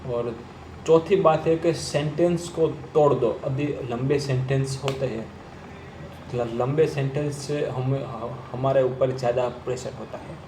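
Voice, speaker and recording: A man gives a slow, deliberate lesson on stammering, often repeating the first sounds of words as he stammers. His pace is very unhurried, with long pauses. The room is roomy and echoey, with a faint hum of ambience behind him. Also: mid-range voice, steady tone, dark tone. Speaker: stammering coach. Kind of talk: instructional talk to camera.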